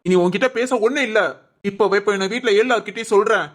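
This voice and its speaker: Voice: medium pitch, quick pace, close to an everyday voice. An actor playing a scolding indignant uncle. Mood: angry. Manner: indignant lecturing, raised voice. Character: stern middle-aged uncle scolding his nephew. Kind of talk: village family comedy drama.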